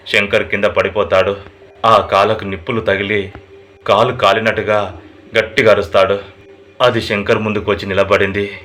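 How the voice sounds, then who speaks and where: A man narrating a horror story in a dramatic, steady storytelling manner. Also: fairly low pitch, a little hiss or hum.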